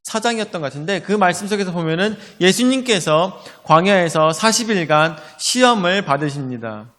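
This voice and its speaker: A man's voice: sits high, animated, brisk, fairly bright tone, long reverb tail. A male pastor preaching a sermon, telling the story vividly and acting out the voices of a crowd.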